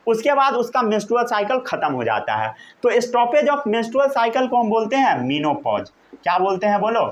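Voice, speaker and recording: A young male teacher lectures to his class. His voice sits high and swings widely in pitch. He keeps checking that his students have understood. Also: normal speed. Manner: animated, keeps asking "samajh gaye?".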